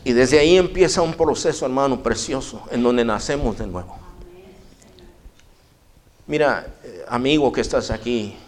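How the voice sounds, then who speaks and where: A man preaching a sermon in a church, telling a personal story folksily and often calling listeners brother. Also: medium pitch. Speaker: pastor.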